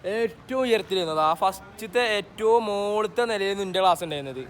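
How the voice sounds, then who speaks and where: A man's voice: high voice, lively intonation, quick pace. A young man chatting casually to viewers on a vlog, mixing English words into Malayalam. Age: young adult. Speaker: vlogger. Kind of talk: casual walking school-tour vlog.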